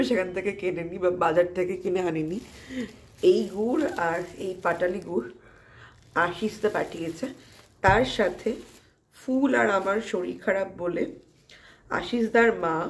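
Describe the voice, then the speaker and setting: A young adult woman with a Bengali accent chats casually in a home vlog, slipping English phrases into her talk. Her voice is lowish with a breathy edge.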